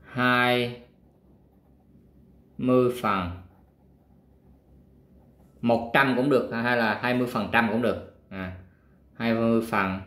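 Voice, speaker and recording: In a worksheet walkthrough lesson, a male math teacher counts squares aloud slowly and patiently, pausing often with fillers. His middling-pitched voice is steady and fairly bright, wrapped in a roomy echo.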